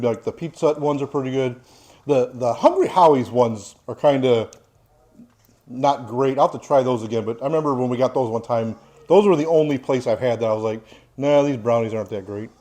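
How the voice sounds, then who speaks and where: A man's voice: medium pitch, fairly quick, darkish tone. A man in his forties giving a casual, plain-spoken food review with his child. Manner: easygoing, plain-spoken, opinionated.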